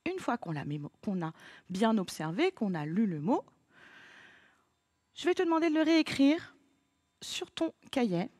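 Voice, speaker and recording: A woman teacher leading a child through a slow, patient spelling lesson, spelling words letter by letter. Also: on the high side, very animated, darkish tone, no echo, clean studio sound.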